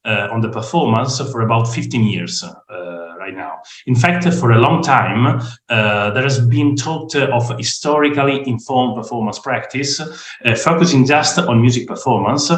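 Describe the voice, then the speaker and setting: Croaky-voiced man, mid-pitched, presenting a lecture online, roomy echo. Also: moderate pace. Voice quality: rough, croaky voice. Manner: hesitant, many fillers. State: hoarse. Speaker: guest speaker. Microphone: video call.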